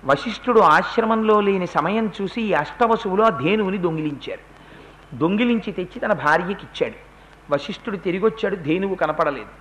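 A man delivering a religious story discourse in a high, bright voice. He retells the epic in an animated, dramatic way and slips into the characters' speech as he goes. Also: fairly quick, slight background noise. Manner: animated, acts out the quoted speech.

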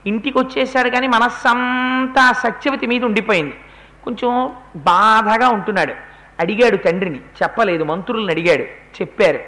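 A man giving a religious discourse who retells an epic story in an animated way and acts out the characters' speech. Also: high voice, moderate pace.

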